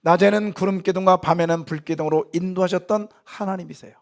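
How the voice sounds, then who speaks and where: A man preaching a sermon in a church, lively, asking the congregation questions and answering them himself, now and then acting out short lines. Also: sits high, quick pace. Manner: acts out short quoted lines in sharp voices. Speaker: pastor. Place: church sanctuary.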